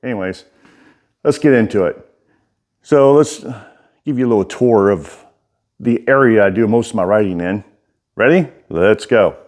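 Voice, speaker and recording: A middle-aged American writer and bladesmith rambles through a casual tour of his workshop, folksy and informal, talking out of the side of his mouth. His voice is mid-range and a little mellow.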